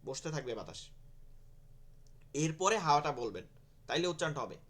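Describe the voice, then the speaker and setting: A man teaching Arabic letter sounds in an online class, slowly repeating each sound for his students. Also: on the high side, very animated, fairly bright tone. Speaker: Quran teacher. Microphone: video call.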